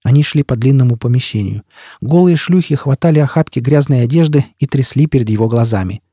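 Husky male audiobook narrator, dry close sound. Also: medium pitch, a little fast, dark tone, no room sound. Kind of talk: scripted narration.

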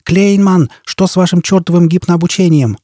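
A man's voice: fairly high pitch, animated, normal speed, breathy edge, no echo, studio quality. A man voicing a flamboyant, hot-tempered rich showman who talks pompously and bellows. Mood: furious. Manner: bombastic, shouting.

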